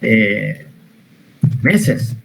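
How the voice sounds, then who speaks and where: A man's voice: lowish voice, animated, drawn-out words, gravelly, a bit bright, low-quality recording. Patient Argentine male teacher, online class, faint room hum behind, quizzes his students. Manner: patient, repeats steps, asks the class questions. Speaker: computer science teacher. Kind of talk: online spreadsheet lesson.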